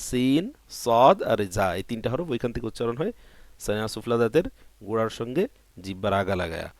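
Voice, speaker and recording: A man's voice: medium pitch, expressive, fast, no room sound. A man teaching Quran letter pronunciation, patiently drilling syllables one by one and answering his own questions. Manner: drills syllables one by one, repeating and drawing them out; asks questions and answers them himself. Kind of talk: patient step-by-step pronunciation lesson.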